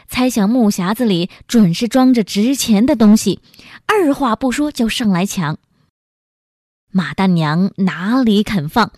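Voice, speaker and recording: Slow, expressive woman storyteller. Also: a little high, no echo, clean studio sound. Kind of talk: dramatic story narration.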